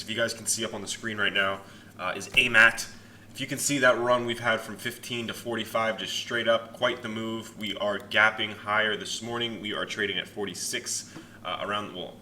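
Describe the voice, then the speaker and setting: With a fairly low-pitched voice that is bright and forceful, a young man runs a stock market analysis channel and chats informally with viewers about the markets. He hedges as he talks, and faint noise can be heard in the background.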